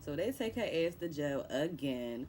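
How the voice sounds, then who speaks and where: Low-voiced woman recapping a movie. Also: animated, unhurried, a little mellow, slight background noise. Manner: loose, profane storytelling full of slang. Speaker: movie reviewer. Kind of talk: casual plot recap.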